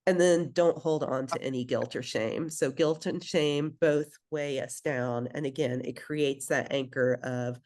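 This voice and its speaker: A woman's voice: a bass voice, steady tone, measured pace, few pauses, a little mellow. Chatty woman coaching a group session. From Belgium. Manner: conversational, many fillers, addresses the group. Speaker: nutrition program coach.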